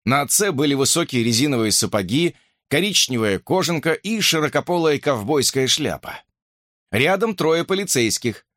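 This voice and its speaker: A man narrating an audiobook in an expressive, animated reading. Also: fairly high pitch, moderate pace, dry recording, studio quality.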